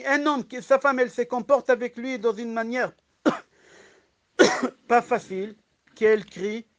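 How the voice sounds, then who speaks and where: Teaching through animated storytelling, a rabbi with a high-for-a-man voice and a slight lisp asks his class rhetorical questions and takes on the voices of the people he quotes.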